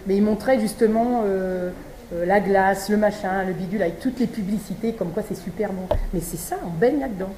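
A woman from Brittany, France, speaks at a vegan event, giving a chatty conference talk full of fillers and restarts. Her mid-range voice is mellow and moves a little fast. The room is echoey, with faint background noise.

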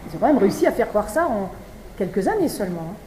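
Very animated and fast-talking, a woman from Brittany, France, gives a conversational vegan-event talk in a mid-range, slightly mellow voice. She restarts often and uses many fillers, and faint background noise sits in the echoey room.

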